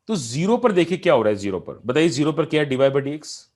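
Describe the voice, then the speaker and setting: Male math teacher, step-by-step lecture, animated and slightly high-pitched. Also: fast talker. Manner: explains step by step, asking students questions; mixes in English math terms. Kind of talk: classroom lecture on calculus.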